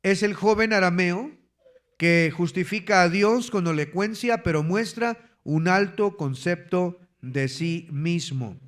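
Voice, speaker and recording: Slow, deliberate Ecuadorian pastor teaching. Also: male voice, high-pitched. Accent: Ecuadorian Spanish. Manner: teaching slowly, dictating numbered points for notes. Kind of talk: sermon.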